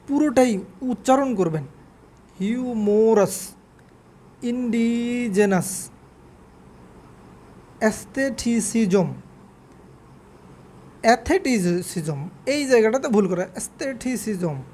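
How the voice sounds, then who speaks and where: Mellow-voiced woman teaching spelling. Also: on the high side. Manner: spells words out slowly letter by letter and repeats them. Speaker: English vocabulary teacher. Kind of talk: spelling quiz lesson.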